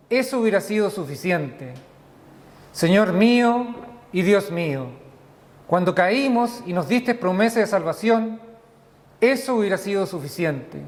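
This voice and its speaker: A man serving as minister, leading a church liturgy and reading prayers in a solemn, measured way, his voice ringing with a cathedral echo. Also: high-pitched. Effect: cathedral echo, long reverb. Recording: long echoey hall reverb.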